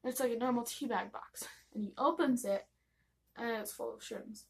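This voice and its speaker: Here's a young American woman whose voice sits on the high side, a little rough and touched with vocal fry, moving at normal speed. In a relaxed vlog she rambles through personal stories, giggling and gossiping as she plays out snippets of conversation, confessional storytime style.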